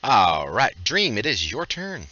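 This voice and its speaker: A man's voice: mid-range voice, wildly swooping pitch, a little slow, dull audio. A man running a tabletop game as game master, narrating and ruling on the players' actions.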